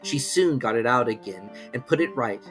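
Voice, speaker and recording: Brief: woman narrator, storybook reading, lively intonation, faint music underneath. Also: rumbling low, moderate pace, poor audio.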